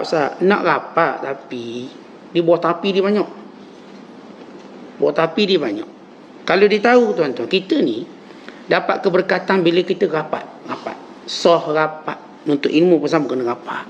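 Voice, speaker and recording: A man with a Malaysian Malay accent giving a dawn lecture as a religious teacher, preaching with animated, emphatic rises on key phrases. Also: fairly high pitch, creaky. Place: mosque lecture hall. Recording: dull lo-fi lecture recording with faint hiss.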